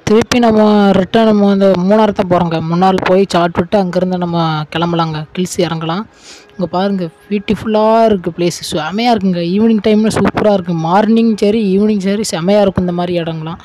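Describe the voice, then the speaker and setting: A man's voice: high-pitched, fairly even intonation, fast, noisy background. A man with a Tamil accent, chatting casually to his viewers as a travel vlogger while out on a hill road. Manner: chatty, addresses viewers politely. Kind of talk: casual ride commentary.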